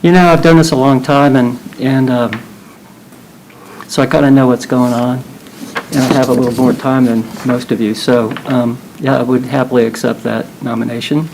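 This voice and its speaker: A man chairing a board meeting, running nominations and votes in a polite, procedural, unhurried way. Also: mid-range voice, steady tone, vocal fry, a little mellow, slight background noise, poor audio.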